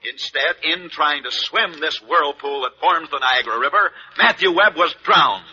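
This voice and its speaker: A sports radio host telling strange sports tales in punchy, dramatic 1940s newsreel-style narration on an old broadcast. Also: male voice, on the high side, expressive, normal speed, sharp tone. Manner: punchy, dramatic storytelling delivery. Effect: old newsreel-style radio broadcast sound. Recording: dull lo-fi old radio recording.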